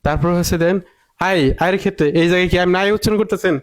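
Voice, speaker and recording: A man's voice: high voice, steady tone, racing. A man teaching an online English reading lesson, repeating rules, quizzing the viewer and scolding critics.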